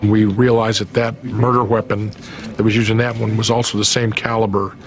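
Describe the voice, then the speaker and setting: A man's voice: lowish voice, level tone, brisk, noisy background. A man speaking as a police detective, recounting cases matter-of-factly in a documentary interview. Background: music.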